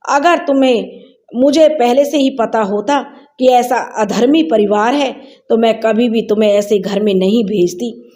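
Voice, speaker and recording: A woman's voice: on the high side, a little slow, warm tone, close to an everyday voice. A woman voicing a protective middle-aged mother, indignant and emotional, in a storybook reading.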